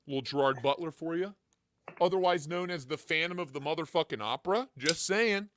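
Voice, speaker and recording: A man's voice: fairly high pitch, fairly quick, a bit bright. A man talking through a voice changer that morphs his voice, chatting casually and profanely about knives. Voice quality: profane, joking. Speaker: knife reviewer. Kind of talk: casual chat.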